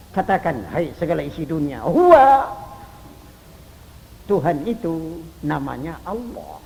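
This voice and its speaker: An older man delivers a Quran exegesis sermon. His voice sits high and grainy with fry. He swings from loud stresses to hushed demonstrations, and the old recording rings with long hall reverb. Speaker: Islamic preacher.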